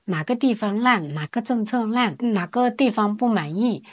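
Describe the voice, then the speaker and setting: A woman's voice: medium pitch, expressive, normal speed. A woman from China, chatting casually in a storytelling vlog and retelling conversations. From mainland China. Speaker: vlogger.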